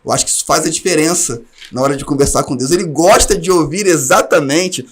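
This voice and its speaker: A man's voice: a little high, quick pace, fairly bright tone, slightly rough. A man from Brazil giving an online class to teachers, with earnest advice aimed straight at his listeners. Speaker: teacher trainer.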